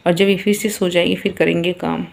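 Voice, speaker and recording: A tired, sleepy young mother and vlogger talks casually into a handheld phone on an outdoor rooftop for a family vlog, with faint outdoor noise behind her. Her gravelly, brisk voice sits in a middle pitch and stays fairly flat. She keeps it soft and chatty so she won't wake the baby.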